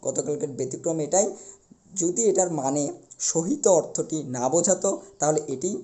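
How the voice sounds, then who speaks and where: A young man teaching a recorded class, explaining step by step and slowly repeating the key words. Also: a little high, mellow.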